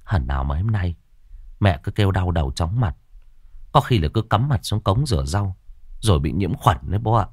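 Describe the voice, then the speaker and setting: A man's voice: low-pitched, animated, a little fast, a little mellow, no echo, studio quality. A man doing a worried, squeamish son. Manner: anxious, pleading.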